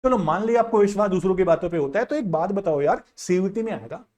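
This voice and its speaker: Higher-pitched male teacher, insistent. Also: quick pace, darkish tone. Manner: direct, insistent, addresses students as "yaar" and "bhai". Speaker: economics teacher. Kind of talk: casual exam-guidance lesson, screen walkthrough.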